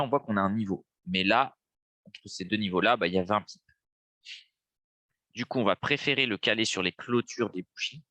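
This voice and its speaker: With a fairly low, sharp-toned voice and no room sound, a young man from France leads a live trading lesson despite a stuffy nose from a cold. He keeps things casual, musing aloud and using many fillers.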